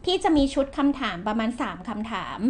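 A woman's voice: a little high, very animated, brisk, a little hiss or hum. A woman hosting a podcast, giving casual advice in a chatty, teasing way and often repeating her words. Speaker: podcast host, real estate broker.

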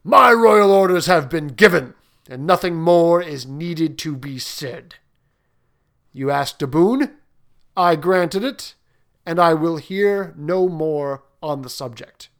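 A man reading a storybook, voicing a stern, hot-tempered king who booms out loud commands. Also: slow, vocal fry, heavily acted. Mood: roaring.

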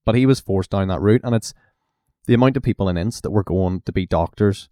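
A man's voice: low-pitched, brisk, warm tone, dry recording, clean studio sound. A young man chatting casually on a podcast, rambling and filling his talk with "like" and "you know". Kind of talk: casual chat.

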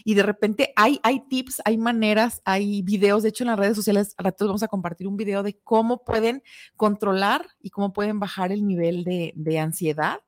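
A woman with a Mexican accent in casual chat as co-host, animated and acting out quoted people. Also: normal speed, no echo, studio quality. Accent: Mexican Spanish. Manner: animated, acts out quoted people in high voices.

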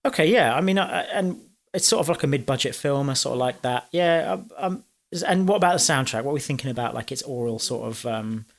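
Fast-talking man, chatty. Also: mid-range voice, expressive. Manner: rapid, chatty, full of "like" and "yeah". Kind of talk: casual brainstorming chat.

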